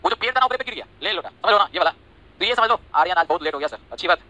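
Fast-talking, bright-voiced male teacher. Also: high voice, animated, poor audio. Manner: rapid, repetitive checks like "ठीक है?" and "समझे?"; scolds and teases students by name. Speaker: English teacher. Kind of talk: online class lecture in Hindi and English.

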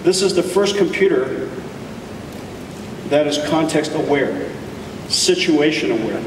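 A man's voice: fairly high pitch, animated, recorded from a distance, noisy background. Man giving a keynote in an echoey hall. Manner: enthusiastic, deliberate with emphatic pauses. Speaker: keynote speaker. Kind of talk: tech keynote presentation. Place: large conference hall stage. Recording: echoey hall taped from audience.

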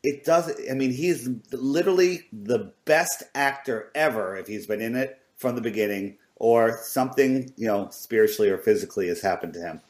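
A male podcast co-host rambles along, his thoughts looping through many "you know"s. His voice sits at an average pitch, and it rings in a noticeably echoey room. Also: normal speed, hardly any pauses, a little mellow. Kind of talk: casual podcast talk.

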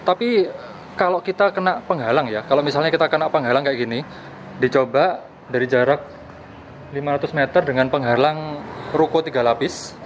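The voice is a little high and fairly quick, and the audio sounds dull. It belongs to a young adult man vlogging about gadgets, casually explaining a field test as he walks through plazas, a park and the street, repeating himself. He films with a camera at arm's length among noisy outdoor surroundings.

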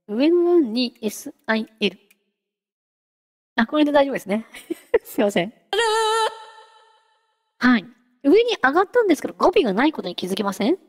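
A woman hosting a casual software tutorial, chatty and giggly, talking her way through a live demo. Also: a little high, in a large hall. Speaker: VTuber host teaching singing-synth software.

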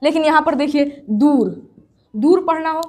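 A woman teacher explaining a grammar lesson to her students, asking questions and answering them herself, and repeating example words slowly. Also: sits high, darkish tone.

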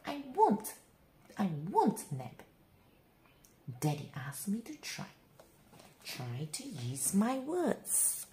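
Reading a bedtime picture book aloud, a woman with a medium-pitched voice is extremely animated and expressive. She phrases things dramatically and deliberately, stretching out words. Faint noise and a roomy echo sit in the recording.

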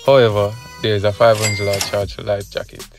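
A man's voice: fairly low pitch, little pitch movement, brisk. A young Jamaican man with a Jamaican accent, chatting casually into a phone held at arm's length while touring outdoors, upbeat and talkative, now and then breaking into song. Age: young adult. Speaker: travel vlogger. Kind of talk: casual travel vlog. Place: outdoors at a river and seaside park. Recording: outdoor phone audio under loud music.

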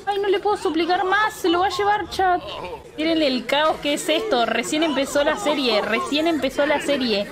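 A woman's voice: sits high, normal speed, crowd noise. A young woman with a Rioplatense Spanish accent, animatedly commentating her life-simulation gameplay, often laughing and exclaiming. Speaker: Sims let's play host.

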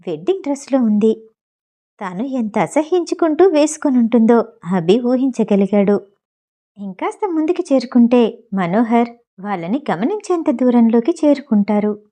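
A woman reading a novel aloud as a storyteller, with a steady, even delivery. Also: a little high. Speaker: audiobook narrator.

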